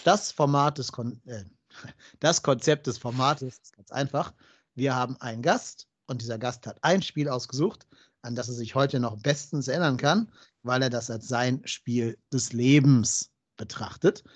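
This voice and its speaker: A man's voice: mid-range voice, unhurried, breathy edge. A man hosting a podcast in a chatty, conversational way, speaking directly to his listeners. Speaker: podcast host.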